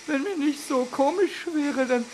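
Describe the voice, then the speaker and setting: Ein Mann spricht einen frechen, kindlichen kleinen Kobold im Hörspiel, betrunken und stotternd, mit hoher, quietschiger Stimme. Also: male voice, unhurried, slight background noise. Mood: tipsy, giggly. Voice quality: high squeaky stammering voice, giggly. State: drunk, then hungover. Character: mischievous little male kobold, cheeky and childish. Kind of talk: radio play acting.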